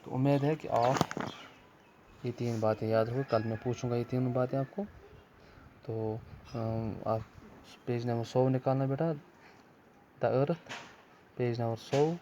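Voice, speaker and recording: A middle-aged man teaching children a lesson, repeating key words and coaxing his pupils, reading textbook lines slowly before explaining them. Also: medium pitch, steady tone, mellow, slight background noise. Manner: repetitive, coaxing, calls pupils "beta". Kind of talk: classroom lesson for children, Urdu mixed with English.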